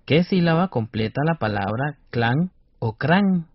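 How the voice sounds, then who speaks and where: A man's voice: mid-range voice, expressive, unhurried, no room sound. A man co-presenting a scripted educational radio lesson, explaining carefully and over-articulating syllables. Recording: dull dry studio radio recording.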